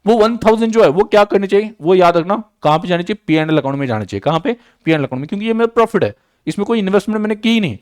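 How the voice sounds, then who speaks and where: Guy teaching accounting, slightly high voice, dry sound, slows down to dictate journal entries. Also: animated, darkish tone, clean tone, dry recording. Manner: repeats key points, checks understanding with "बराबर?" and "clear?"; mixes English accounting terms into Hindi. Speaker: accounting lecturer. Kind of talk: recorded online lecture.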